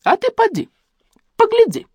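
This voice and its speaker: A shrewd old village granny with a sing-song folksy lilt, swooping up high when she teases, as a woman puts her on in an audiobook. Her voice is close and dry, with wide swings in pitch. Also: huge pitch swings, normal speed, a little mellow, no echo, exaggerated voice. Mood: teasing. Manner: folksy rural speech, sly and sing-song.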